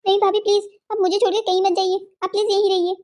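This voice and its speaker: A young cartoon girl, played by a woman pleads in a very high, mellow voice. Her words come out urgent and strained. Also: fairly even intonation, fairly quick, lightly acted. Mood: pleading. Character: young woman sister-in-law, proud then frightened.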